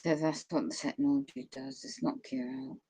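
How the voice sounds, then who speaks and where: A tired, sleep-deprived streamer chatting casually on a live stream, rambling and halting as they mumble along. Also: mid-range voice, big pitch swings, gravelly, warm tone, husky, no room sound, poor audio.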